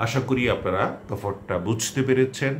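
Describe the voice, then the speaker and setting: A man's voice: mid-range voice, moderate pace, slight background noise. A man teaching pronunciation in a spoken lesson, speaking carefully and saying example words one at a time.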